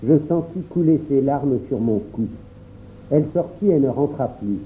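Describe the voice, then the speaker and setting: A man narrating a storybook in a calm, measured first-person voice. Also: mid-range voice. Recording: tinny phone-like audio with faint hum.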